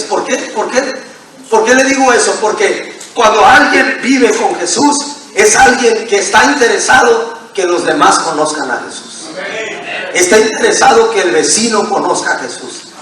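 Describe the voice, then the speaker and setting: High-voiced pastor preaching in an echoey church. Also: male voice, fairly bright tone, a little hiss or hum. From Mexico. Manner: emphatic preaching with call-and-response to the congregation. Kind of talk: sermon. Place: church sanctuary. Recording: echoey church hall from far off.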